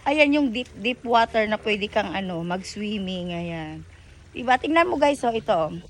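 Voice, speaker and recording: With lively intonation and a measured pace, a mid-range female voice carries this riverside vlog. The speaker has a Filipino accent and rambles casually between Tagalog and English, often correcting herself and filling pauses.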